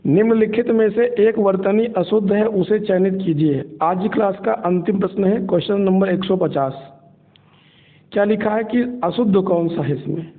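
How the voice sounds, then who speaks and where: High-voiced male teacher on a tinny line. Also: moderate pace. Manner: steady, methodical, repeats each answer. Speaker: exam prep teacher. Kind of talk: spoken quiz lesson. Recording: tinny phone-like recording.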